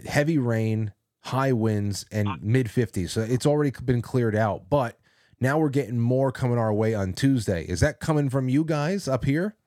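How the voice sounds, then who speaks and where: A man with a smooth radio host delivery, chatting casually and taking listener calls on his show. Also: medium pitch, moderate pace, dark tone, dry recording, studio quality. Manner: conversational, with frequent fillers.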